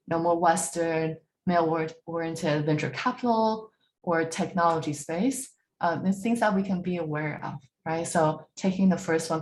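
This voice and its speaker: A woman's voice: sits low, darkish tone, a little hiss or hum. A woman presenting at a business bootcamp, often checking in with "right?" and restarting her sentences. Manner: frequent fillers and restarts, repeats words while searching; ends points with a questioning "right?". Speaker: workshop speaker. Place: online talk.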